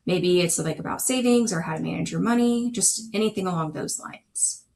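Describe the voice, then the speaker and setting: A woman's voice: fairly low pitch, moderate pace, creaky, darkish tone, a little hiss or hum. A woman co-hosting a podcast, asking long, rambling questions in a chatty way full of fillers. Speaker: podcast co-host. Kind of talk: casual interview conversation.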